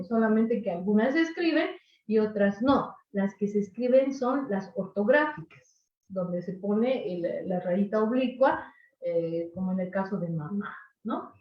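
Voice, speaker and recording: Woman teacher, higher voice, lecturing patiently; echoey, distant, lo-fi recording. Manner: explanatory, asks "¿no?" and "¿sí?" often. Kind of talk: online class lecture. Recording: echoey, distant, dull lo-fi sound.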